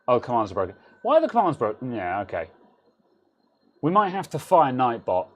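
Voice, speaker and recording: A man from Britain chatting casually as co-host of a tech show, with a voice of ordinary middle pitch. He jokes around, laughs easily and drifts into silly voices now and then. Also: big pitch swings, a little fast. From United Kingdom. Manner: jokey, laughs often, slips into silly voices. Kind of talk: casual banter.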